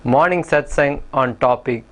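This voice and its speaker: A man's voice: mid-range voice, measured pace, slight background noise. A man presenting scripted news in the manner of a field reporter. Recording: music behind the voice. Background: music.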